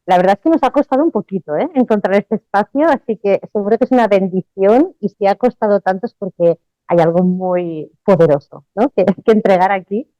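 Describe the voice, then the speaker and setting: A woman's voice: medium pitch, fairly quick, no echo, lo-fi sound. A woman from Spain, a dance mantra teacher speaking reflectively as an interview guest, laughing easily. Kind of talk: interview conversation.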